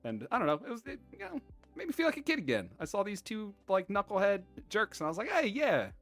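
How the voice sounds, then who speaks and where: A man's voice: sits high, sing-song, fast, vocal fry, a bit bright, faint music behind. A man co-hosting a casual podcast chat, joking and laughing often. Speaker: podcast co-host.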